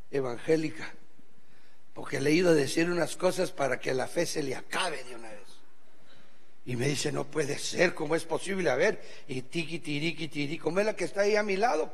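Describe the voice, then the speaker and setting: A middle-aged man preaching a sermon as pastor, swinging from quiet asides to shouted exhortation and speaking plainly to the congregation. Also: fairly high pitch, slightly rough, in a large hall. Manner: colloquial, addresses the congregation as brothers.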